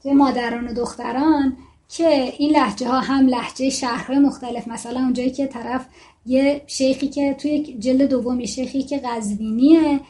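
A woman's voice: high-pitched, steady tone, dark tone. A woman speaking Persian with Gilaki as her mother tongue, giving a casual lesson on a book about writing and thinking aloud with fillers and self-corrections.

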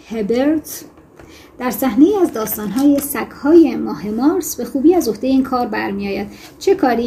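Mellow-voiced woman teaching fiction writing. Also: on the high side, a little hiss or hum. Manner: conversational explaining with self-corrections, then measured reading. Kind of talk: lecture on fiction writing with read-aloud excerpts.

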